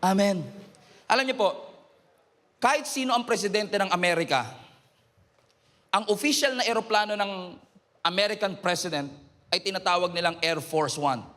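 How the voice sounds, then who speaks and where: Filipino male pastor, middle-aged, bright forceful high voice, preaching sermon, long church-hall reverb. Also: normal speed, long pauses. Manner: switches between Tagalog and English, calls for raised hands, rises to shouts.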